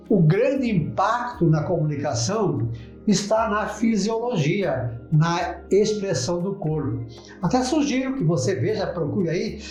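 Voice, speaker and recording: A man's voice: high-pitched, darkish tone, dull audio. A man teaching to camera, stressing key words and speaking straight to the listener. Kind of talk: lecture to camera. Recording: echoey room with faint music.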